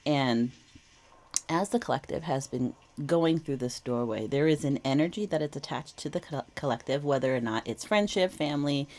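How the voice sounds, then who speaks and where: A woman's voice: very deep voice, a little mellow. A slightly wheezy woman who is under the weather, giving a reflective, reassuring tarot reading to viewers in a casual, explanatory way. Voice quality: slightly wheezy, with throat clearing. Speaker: tarot reader and channel host.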